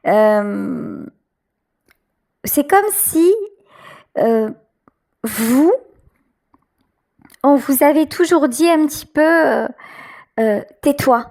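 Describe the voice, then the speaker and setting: Speaking directly to her viewers, a tarot reader who hosts her channel offers an intuitive card reading in a high, animated, gravelly voice with a darkish tone. She goes very slowly, hesitating and pausing frequently while she searches for words.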